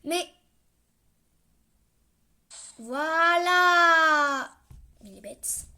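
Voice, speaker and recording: A woman's voice: high voice, normal speed, pushed and bright. A young woman chatting over her gameplay as a vlogger, complaining dramatically and often dropping into a mutter. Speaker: gaming vlogger. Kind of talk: casual gameplay commentary.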